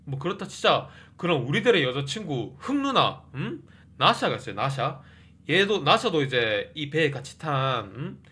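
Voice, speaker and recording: Recap YouTuber, man, a bit high, very lively pitch, casual comic retelling with constant "eh?" tags. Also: moderate pace. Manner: constant "eh?" and "hm?" interjections; acts out characters' lines.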